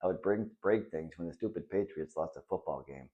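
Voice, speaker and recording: A man reading the part of a kind, patient father who talks softly and reassuringly to his son in a children's story. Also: deep voice, a little fast, muffled recording, close to an everyday voice. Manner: soft and reassuring.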